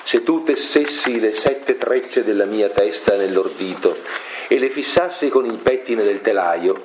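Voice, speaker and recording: A man voicing a mighty strongman of an ancient tale, speaking in a calm, measured way, recorded in an echoey room. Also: on the low side. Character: mighty long-haired strongman, confiding. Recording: echoey room, faint noise.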